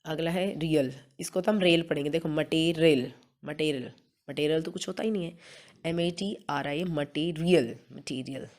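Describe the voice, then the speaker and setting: A woman school teacher giving a spelling lesson to young children, spelling words slowly letter by letter with a Hindi accent, often checking "theek hai na" and calling pupils beta. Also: sits low, a little mellow. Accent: Hindi-accented English.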